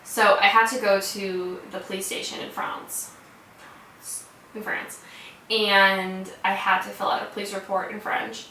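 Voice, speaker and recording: A woman's voice: mid-range voice, level tone, unhurried, sharp tone, slight background noise. A young American woman telling a personal story in a casual way, swearing freely and saying "like" a lot. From United States. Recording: roomy sound from a distant mic.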